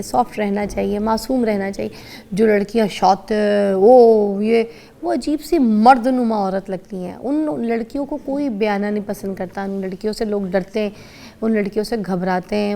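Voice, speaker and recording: Gravelly-voiced Pakistani woman host, chatty. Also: mid-range voice, dark tone. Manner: chatty, teasing, opinionated. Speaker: morning show host. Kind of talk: casual TV chat. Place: TV studio.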